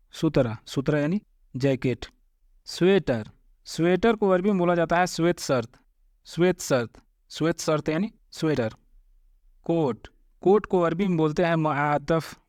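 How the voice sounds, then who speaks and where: A man teaching vocabulary, repeating each word slowly and addressing viewers as friends. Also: a little high, no room sound, clean studio sound. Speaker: Arabic language teacher. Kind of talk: vocabulary lesson.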